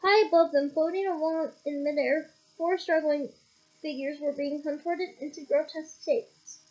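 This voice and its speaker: Woman reader, high voice, chatty asides, lo-fi home recording. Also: steady tone, normal speed, a little mellow. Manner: casual, stops to comment and laugh. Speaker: audiobook reader. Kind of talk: reading a novel aloud with asides.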